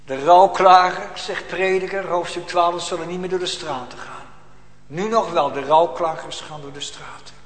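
A man preaching a sermon in a church, swinging from hushed tones to loud, emphatic lines. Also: high voice, steady tone, normal speed. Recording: echoey church hall.

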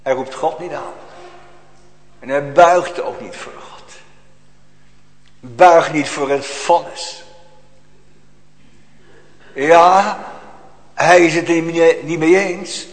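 A man preaching a sermon to a congregation, slow and solemn, rising to emphatic outbursts, recorded in a church. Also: on the high side, reverberant, big-room sound, low-quality recording.

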